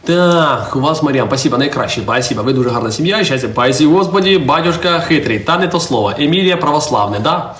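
A man's voice: a little high, expressive, fast, few pauses, a bit bright. A man in his twenties, a priest chatting on a live stream in a church, answering viewer comments and teasing his little daughter. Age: 20s. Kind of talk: casual live-stream chat. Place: church interior. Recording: roomy echo, faint background noise.

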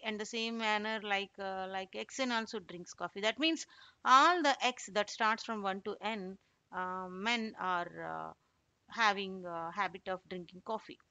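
A woman's voice: medium pitch, bright, forceful tone, no room sound. A woman lecturing over slides, explaining step by step and saying "okay" a lot. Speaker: instructor.

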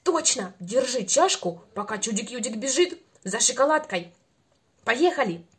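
A woman in her twenties over-enunciating in an animated, sing-song, encouraging way as she leads a playful speech lesson for a small child. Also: a little high, normal speed, slightly rough. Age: 20s.

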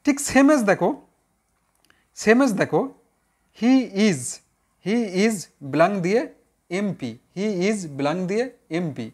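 A man teaching an online grammar lesson. He talks straight to his viewers, asks and answers his own questions, and slowly repeats example words to drill their pronunciation. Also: high voice, sing-song, a little mellow.

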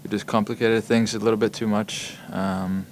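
A young man answers postgame questions at a press table in a very low, gravelly voice. He hesitates constantly, filling gaps with ums and doubled words, and his delivery stays flat, with little rise or fall. A faint hiss sits under the table mics. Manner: halting, many ums and repeated words. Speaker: hockey player. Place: press room in front of a logo backdrop. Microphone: table microphones in front of him.

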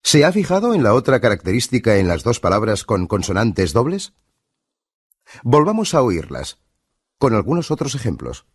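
A man's voice: medium pitch, wildly swooping pitch, normal speed, husky, dry recording, studio quality. Spanish man narrating a language lesson. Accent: Spain Spanish. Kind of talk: scripted instructional narration.

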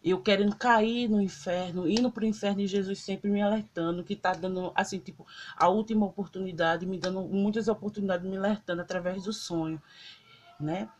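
A woman's voice: mid-range voice, fairly even intonation, a little fast, a little hiss or hum. A Brazilian woman recording on her phone, emotionally recounting a dream in rambling casual speech full of fillers. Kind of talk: casual spoken testimony. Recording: loud guitar music behind the voice.

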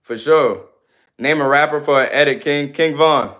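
A man's voice: on the high side, normal speed. Slangy young man reading chat aloud. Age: 20s. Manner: slangy, loose and animated, sometimes ranting. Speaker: livestreamer. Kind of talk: casual livestream chat, reading viewer comments aloud.

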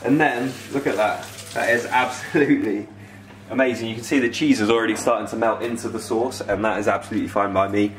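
This cooking video host is a British man in his twenties giving a relaxed, enthusiastic tutorial from his home kitchen. He speaks quickly in a lowish, steady voice, and there's slight background noise.

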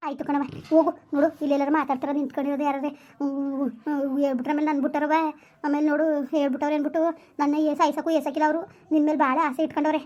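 A woman's voice: high voice, little pitch movement, very fast, darkish tone, lo-fi sound, close to an everyday voice. A woman doing a gossipy village housemaid. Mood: confiding. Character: middle-aged village housemaid, gossipy and cautious. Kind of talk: family drama skit.

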